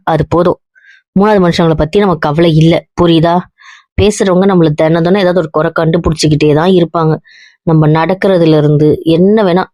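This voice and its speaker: A woman's voice: on the low side, mellow, no echo, close to an everyday voice. Woman playing a bossy protective cousin. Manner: bossy, lecturing, keeps asking "understand?". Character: young married woman, blunt and protective toward her heartbroken cousin. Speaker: actor in a web drama. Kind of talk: web series drama acting. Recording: dull, muffled dry audio.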